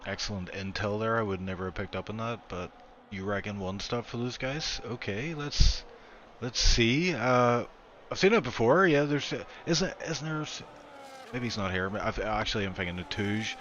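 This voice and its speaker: A man's voice: on the low side, moderate pace, a bit bright, lo-fi sound, a little hiss or hum. A man hosting a league sim race stream, chatting casually, asking his co-commentator questions and reading out viewer comments.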